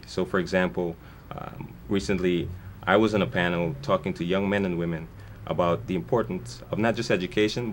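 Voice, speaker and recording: A very low-voiced man from Guyana answers questions as a guest on a morning television show. He talks earnestly in long, winding sentences, often restarting them mid-thought. A faint hiss sits under the voice. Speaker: guest, foundation founder. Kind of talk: television interview.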